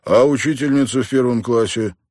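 A man voicing a brisk, friendly male doctor with a teasing manner. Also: medium pitch, darkish tone, no room sound, studio quality, voice pushed up, close to an everyday voice. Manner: brisk, joking.

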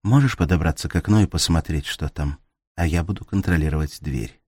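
Male narrator doing a calm-under-pressure young woman; very low voice, dead-dry booth read. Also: fairly quick, no echo. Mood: urgent whisper. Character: young woman, tense but steady in danger.

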